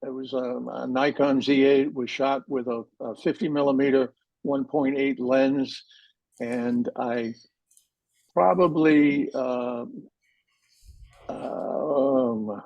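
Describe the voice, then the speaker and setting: A man's voice: medium pitch, vocal fry, a little mellow, no room sound, muffled recording. A man hesitantly explaining how he took his photograph, searching for the details. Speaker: club photographer.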